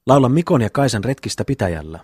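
A man reading the part of a steady grown brother who speaks in an earnest, urging way. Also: mid-range voice, breathy edge, no room sound, studio quality. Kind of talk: audiobook reading.

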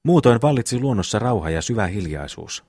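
A man narrating a classic novel as an audiobook, calm and unhurried, with a low voice. The sound is close and dry, with no room echo. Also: breathy edge. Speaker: audiobook reader.

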